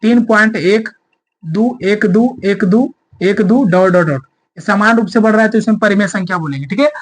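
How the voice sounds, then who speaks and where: A man's voice: high-pitched, moderate pace. A male maths teacher explaining a lesson step by step, asking the class rhetorical questions and repeating key points. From India.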